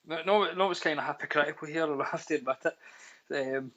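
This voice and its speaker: A higher-voiced man with a broad Glasgow street accent chats on a sports podcast. He is blunt and sweary, telling stories in slangy banter. The recording is dull and lo-fi. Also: fairly quick, bright, forceful tone. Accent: Scottish, Glasgow. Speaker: podcast panellist. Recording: dull, lo-fi voice line.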